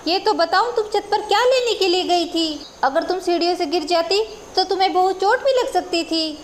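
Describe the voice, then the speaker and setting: A woman doing a gentle young village housewife. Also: very high-pitched, expressive, normal speed, a little hiss or hum. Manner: soothing, affectionate. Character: caring young village daughter-in-law, gentle.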